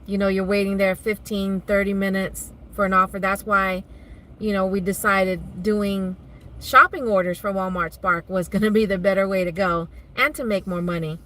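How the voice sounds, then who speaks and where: A chatty woman hosts a live stream, her voice bright and clear and at an ordinary pitch. She talks casually, reads viewer comments aloud and laughs easily, with a faint car hum behind her. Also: steady tone, normal speed. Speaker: vlog host doing a live stream. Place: inside a car.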